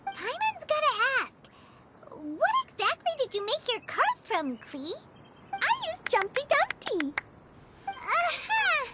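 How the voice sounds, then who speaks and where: A woman voicing a tiny, excitable, childlike girl character with a squeaky, bubbly delivery in a video game. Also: slow pace, full character voice. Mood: chirpy, curious. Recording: music behind the voice.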